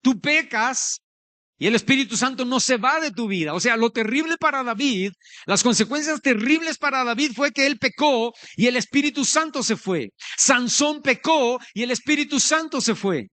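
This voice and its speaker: A man's voice: extremely high pitch, animated, normal speed, bright, forceful tone, no room sound. A man preaching a sermon as pastor, earnest and conversational, speaking straight to his listeners.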